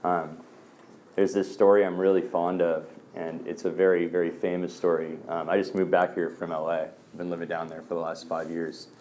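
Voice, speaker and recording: Low-voiced man telling stories casually. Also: level tone, moderate pace, a little mellow, a little hiss or hum. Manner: loose storyteller, fillers like "man" and "um". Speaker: speaker sharing at a recovery meeting. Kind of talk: casual personal talk.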